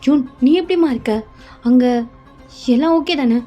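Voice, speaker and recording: A woman's voice: high-pitched, moderate pace, highs cut off, faint music behind, pitched above the performer's own voice, close to an everyday voice. A woman voicing an evasive, dismissive middle-aged father. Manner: dismissive, firm.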